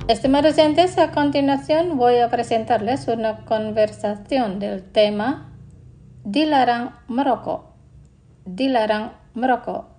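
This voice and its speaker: Slow, careful woman presenting a lesson. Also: on the high side, mellow, soft background music. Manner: slow, careful, repeats each word twice. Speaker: radio language-lesson presenter. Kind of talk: scripted radio lesson.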